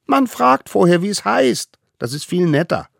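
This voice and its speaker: A man voicing a tiny, eager boy caveman hunter with a high, pleading, fussy voice. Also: big pitch swings, moderate pace, gravelly, no echo, studio quality, full character voice.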